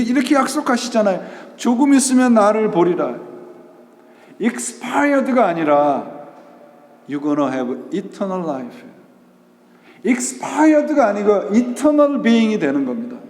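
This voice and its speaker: A man's voice: high-pitched, darkish tone. A male pastor preaching a Sunday sermon, asking rhetorical questions and answering them himself, and mixing English words into his talk. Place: church sanctuary. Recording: echoey church hall.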